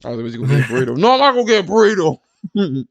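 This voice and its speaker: A young man co-hosting a casual podcast chat, telling animated stories and acting out voices. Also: fairly high pitch, very fast, creaky, dry recording. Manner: animated storyteller, acts out voices. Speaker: podcast co-host.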